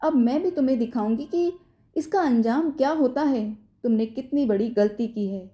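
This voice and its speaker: A woman's voice: fairly high pitch, moderate pace, close to an everyday voice. A woman voicing an angry, stubborn young wife who speaks sharply and defiantly. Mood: hurt, threatening. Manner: sharp, defiant, later tearful.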